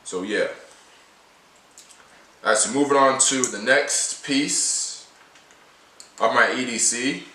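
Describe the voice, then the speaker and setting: A nineteen-year-old vlogger talks to camera about his everyday carry, rambling casually and repeatedly circling back to restate the same points. His bright, middle-pitched voice moves at a slow pace with long pauses. He sits a bit far from the mic in a small, echoey room, with a little hiss or hum.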